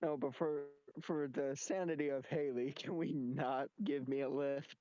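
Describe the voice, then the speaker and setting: A man's voice: medium pitch, fairly even intonation, a little slow, dark tone, no echo. Joking man, dull dry mic. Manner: joking, teasing. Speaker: player. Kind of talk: casual chat before a tabletop game.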